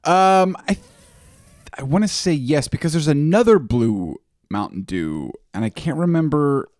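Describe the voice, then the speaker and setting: A man's voice: fairly high pitch, expressive, unhurried, a little mellow, no echo, studio quality. A man co-hosting a podcast in casual chat, with playful, goofy banter. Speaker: podcast co-host.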